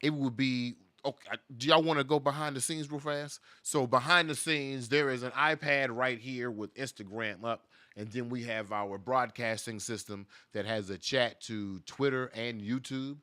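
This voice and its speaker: A man's voice: medium pitch, fairly even intonation, moderate pace, few pauses, pushed and bright. A man hosting a casual live-stream talk show, loose and joking. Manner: loose, laid-back, joking. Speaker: show host.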